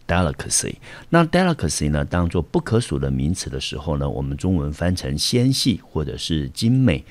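A man's voice: a bass voice, big pitch swings, normal speed, darkish tone, no room sound. A man teaching an English vocabulary lesson, explaining pronunciation and example sentences step by step. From Taiwan. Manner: explains step by step, often starting with "好". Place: school teaching studio.

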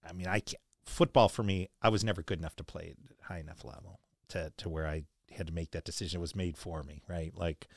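A man's voice: sits low, steady tone, fast talker, vocal fry, dry recording, clean studio sound. A man hosting an interview, asking long rambling questions in a conversational way and sharing his own racing memories. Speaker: interview host. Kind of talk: casual interview.

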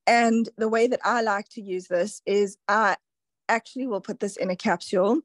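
A woman's voice: medium pitch, steady tone, normal speed, no echo. A woman explaining things on a casual online call in a chatty way, full of fillers. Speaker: presenter on a product call.

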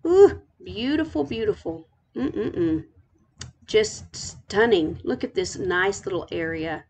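A woman's voice: mid-range voice, expressive, slow pace, darkish tone, breathy edge. A middle-aged woman from Texas, hosting a casual tour of a game island, gushing and repeating her praise.

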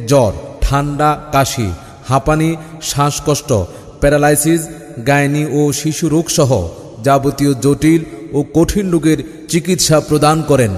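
A man chanting a clinic advertisement in a repetitive sing-song delivery, broadcast over an outdoor loudspeaker. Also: on the high side. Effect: outdoor loudspeaker announcement. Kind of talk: chanted promotional announcement. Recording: long reverb with music behind.

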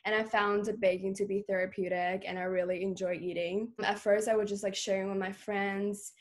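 A teenage girl talks over a webcam from her bedroom in an even, monotone way. She pauses with fillers as she explains. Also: mid-range voice. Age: teens. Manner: flat, hesitant with fillers. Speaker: student founder of bakery. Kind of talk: casual interview. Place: bedroom at home. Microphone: video call webcam.

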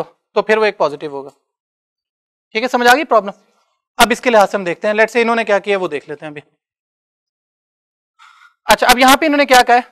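A man's voice: high voice, fairly bright tone. Male lecturer, talks casually to a class, keeps asking if they follow. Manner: conversational, checks understanding often. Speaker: university lecturer. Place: classroom with students.

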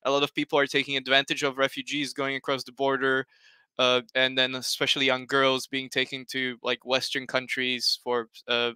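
Bright, crisp-voiced young Slovak man. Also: medium pitch, completely flat delivery, normal speed, no echo. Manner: hesitant, many fillers and restarts, earnest. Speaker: panel guest. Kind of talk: casual panel discussion. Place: home room. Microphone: headset.

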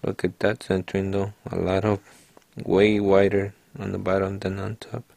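On his own channel, a deep-voiced man opens card packs and reads out every card, chatting with viewers in a relaxed, casual way. He speaks at normal speed with vocal fry, and the recording has no echo.

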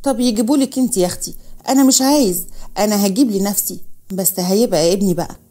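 A woman voicing a sharp-tongued young man with an Egyptian accent, giving quick, blunt retorts. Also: medium pitch, close to an everyday voice. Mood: teasing. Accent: Egyptian Arabic.

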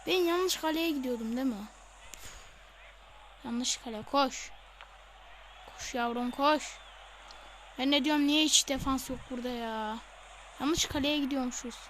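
High-pitched woman yelling at a football game, slow drawl in the quiet bits, cusses a lot. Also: a little hiss or hum. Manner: excitable, yelling at the game, swearing. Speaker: gamer. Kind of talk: live football video game commentary.

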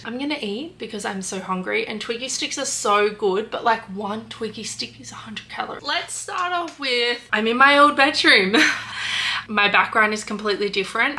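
Bright-voiced chatty woman in her late twenties. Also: mid-range voice. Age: late 20s. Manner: chatty, rambling, laughs often, eats while talking. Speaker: vlogger. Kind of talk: casual chat to camera. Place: her old bedroom at her parents' home.

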